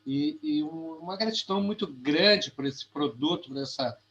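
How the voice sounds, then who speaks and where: A man giving a heartfelt, halting testimony on a video call, often repeating his words. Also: on the high side, lively intonation, fairly bright tone, dull audio. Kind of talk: emotional testimony.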